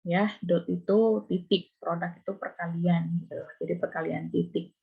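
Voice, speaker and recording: A husky-voiced woman leads a math lecture over a video call, explaining terms and prodding students with repeated questions. Her voice comes through a muffled, dull online call. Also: on the low side, fairly even intonation, moderate pace. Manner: questions students, coaxing and scolding. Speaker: university lecturer.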